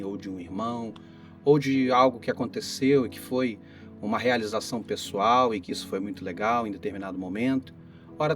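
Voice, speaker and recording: Brazilian man, mid-pitched, tired failing voice, informal didactic Bible teacher, guitar music behind. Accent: Brazilian Portuguese. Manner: didactic, checks in with listeners. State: voice tired and failing after a flu. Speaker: pastor teaching Bible study. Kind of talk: informal explanatory Bible lesson.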